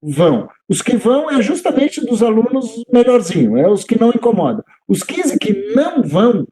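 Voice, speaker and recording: Lively high-voiced man. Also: moderate pace, a crowd in the background. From southern Brazil. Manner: animated, acts out quoted dialogue, repeats words when restarting. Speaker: teacher and podcast guest. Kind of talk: conversational storytelling.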